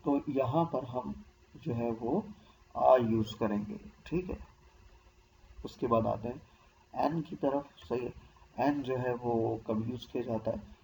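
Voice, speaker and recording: A man's voice: medium pitch, slow, creaky, long pauses, a little mellow, a little hiss or hum, poor audio. A man teaching a grammar lesson, explaining patiently and stopping often to check that the listener follows. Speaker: English teacher.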